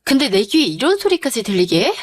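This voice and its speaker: A woman's voice: fairly high pitch, big pitch swings, brisk, dry recording, clean studio sound. A woman voicing an angry wife who firmly confronts her husband and in-laws in a dramatized story. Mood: stern. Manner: firm, demanding, accusing.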